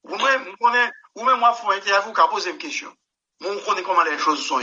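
A man's voice: sits high, a little fast, sharp tone. A man, a musician answering interview questions in a rambling, emphatic way and often saying "mon cher". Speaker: musician guest. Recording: dull lo-fi recording.

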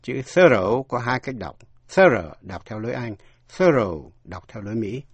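A man's voice: medium pitch, normal speed, breathy edge, dry recording. A man teaching English vocabulary, spelling each word out letter by letter and then translating it. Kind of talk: slow spelled-out vocabulary lesson.

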